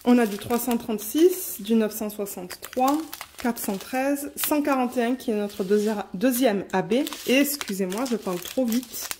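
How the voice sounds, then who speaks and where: A woman vlogging an unboxing in a quick, chatty way, reading out color numbers at home. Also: fairly high pitch, darkish tone, a little hiss or hum. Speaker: diamond painting vlogger. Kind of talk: casual unboxing chat.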